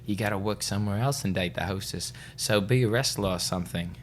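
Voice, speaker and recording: A man's voice: lowish voice, normal speed, slight background noise, close to an everyday voice. A man doing a mock psychic with a mixed-up accent. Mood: mock mystical. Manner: theatrical, playful. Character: mock psychic man reading a listener's mind.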